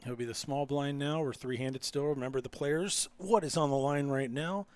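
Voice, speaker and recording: A man's voice: medium pitch, moderate pace, clear, resonant tone, no echo. A man commentating a live poker final table, explaining hands and teasing his co-host in dry banter.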